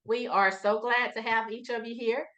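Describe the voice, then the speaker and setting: A woman's voice: on the high side, fairly even intonation, moderate pace, sharp tone. A woman hosting a webinar, introducing the session in a friendly way with many um's. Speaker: webinar host.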